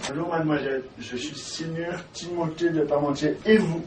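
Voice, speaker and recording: A man's voice: on the high side, steady tone, moderate pace, music in the background, close to an everyday voice. A man acting a pompous, formal man who believes he is a French noble lord, speaking in a courtly way. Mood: haughty. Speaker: amateur stage actor. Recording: echoey room, far from the mic, crowd behind.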